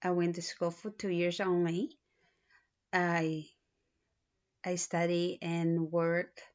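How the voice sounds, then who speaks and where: Slow, halting Filipino woman. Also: lowish voice, flat delivery, a little mellow. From Philippines. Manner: halting, many pauses and restarts. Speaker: student introducing herself. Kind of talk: self-introduction video. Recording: dull lo-fi recording.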